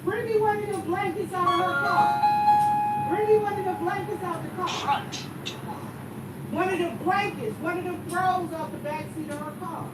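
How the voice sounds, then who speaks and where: A woman on a casual live stream who turns away from her phone to yell a request to someone across the room. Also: extremely high pitch, fairly even intonation, normal speed, reverberant, far from the mic, loud music behind the voice, rough recording. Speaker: livestreamer.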